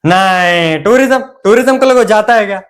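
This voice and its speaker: A man playing a stern middle-aged father who lectures slowly and bursts into angry scolding. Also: high-pitched, over music, natural voice. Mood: lecturing.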